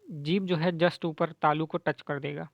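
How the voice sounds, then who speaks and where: A man teaching grammar, explaining quiz answers slowly and repeating letters aloud, often asking "है ना?" and mixing in English words. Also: a little high, fairly even intonation, gravelly, no room sound, highs cut off. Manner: slow, repetitive, checks in with "है ना?"; sounds out letters slowly to demonstrate.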